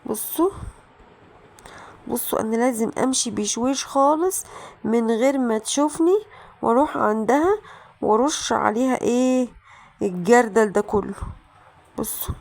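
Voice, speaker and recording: A woman with an Egyptian Arabic accent narrating a mobile game playthrough, chatting straight to viewers and breaking into shouted reactions. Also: on the high side, normal speed, vocal fry, long pauses. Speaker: gaming channel host.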